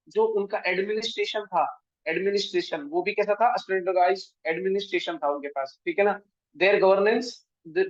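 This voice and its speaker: A man with an Indian accent giving a history lecture for exam prep, switching between Hindi and English and often checking in with his students. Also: high voice. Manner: mixes Hindi and English, checks in with frequent tag questions. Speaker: history teacher. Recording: dull, dry lo-fi sound.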